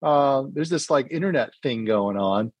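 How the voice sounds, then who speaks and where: Speaking with an American accent that's partly British-sounding, a middle-aged man from New Hampshire is a casual, hesitant interview guest who piles on fillers and restarts. His medium-pitched voice is animated and darkish in tone at normal speed. The recording is dry.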